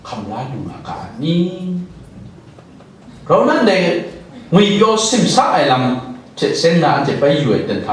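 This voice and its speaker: A male pastor preaching a sermon, dropping English words into his speech now and then. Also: mid-range voice. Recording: very echoey hall, distant mic, faint noise.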